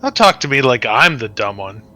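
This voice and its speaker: A man's voice: mid-range voice, sing-song, normal speed, pushed and bright, rough recording. A man chatting casually with friends during a game, dry and teasing. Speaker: gaming friend. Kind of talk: casual gaming chat.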